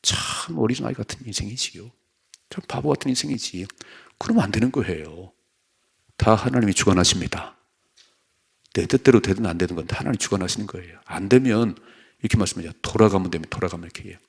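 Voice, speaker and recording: A man's voice: lowish voice, quick pace, creaky, husky. A male pastor preaching an early-morning sermon, reading scripture aloud and pressing the congregation with emphatic rhetorical questions. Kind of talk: dawn prayer sermon.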